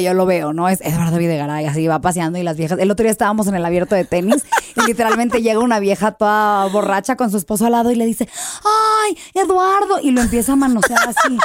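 A Mexican woman, a guest on a podcast, telling her story candidly and in an animated way, swearing freely. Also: mid-range voice, a little hiss or hum. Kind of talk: casual podcast chat.

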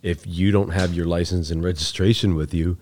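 Very deep-voiced plainspoken man. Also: fairly even intonation, a little fast, a little mellow, a little hiss or hum. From United States. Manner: plainspoken, calls the host bro. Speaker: chief deputy sheriff. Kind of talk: casual podcast interview.

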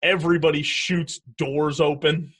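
A man's voice: fairly high pitch, level tone, unhurried, fairly bright tone, breathy edge. A man casually chatting through a movie commentary, cracking jokes and laughing often. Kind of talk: casual movie watch-along chat.

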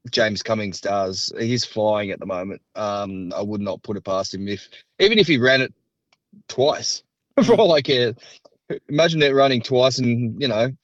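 A man's voice: medium pitch, dry recording. A man co-hosting a casual racing podcast, rambling and hedging with lots of fillers. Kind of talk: casual chat. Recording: slightly dull, dry sound.

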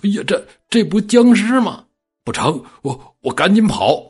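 Man putting on a bossy imperial tax official, raised, brash voice, husky, lively pitch, storytelling. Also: normal speed, faint music behind. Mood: frightened. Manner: loud, swaggering, ordering people about. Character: brash, bossy Qing-era male tax collector.

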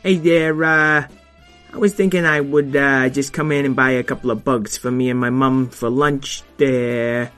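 A man voicing a scrappy young male weasel, a cheeky schemer who talks fast and fumbles with fillers. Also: mid-range voice, fairly even intonation, fairly bright tone, smooth, faint music behind, natural voice. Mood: wheedling.

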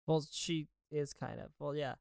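Playful woman podcaster with creaky voice. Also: low-pitched, a little slow, darkish tone, dry recording, studio quality. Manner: playful, joking. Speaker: podcast co-host. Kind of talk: casual chat.

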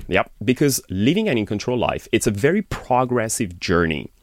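A man's voice: on the low side, big pitch swings, normal speed, dry recording, studio quality. A man in his forties from Iran, a guest author and coach explaining his ideas earnestly in a podcast interview, with many fillers.

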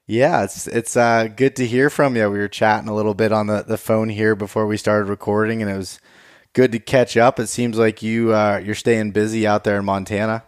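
Podcast host: American man, smooth lower register, dry sound, casual and slightly hesitant delivery. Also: level tone, normal speed, dry recording. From Pennsylvania, United States.

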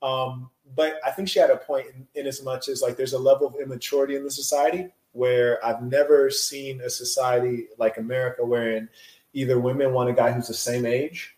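A man's voice: mid-range voice, little pitch movement, brisk, a little mellow. A man hosting a casual podcast, talking in slang and joking and laughing as he asks questions. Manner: slangy, jokey, laughs often. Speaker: podcast host. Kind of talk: casual chat. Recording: echoey room.

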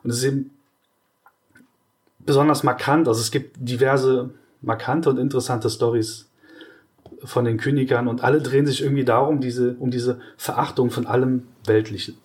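German man explaining with lively examples. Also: mid-range voice, moderate pace. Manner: explains patiently with hesitant restarts and lively examples. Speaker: podcast co-host. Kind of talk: casual explanatory discussion.

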